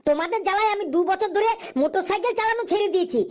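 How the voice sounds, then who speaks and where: A woman voicing a hot-tempered man in a comic cartoon dub, scolding and ranting in a shouty, repetitive way. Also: very high-pitched, racing.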